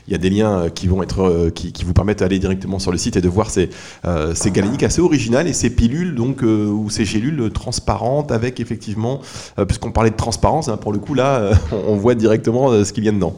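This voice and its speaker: A man's voice: on the low side, fast talker, warm tone. A man hosting an audio podcast interview, guiding guests with questions and often repeating words as he searches for them. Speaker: podcast host. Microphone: audio podcast microphone.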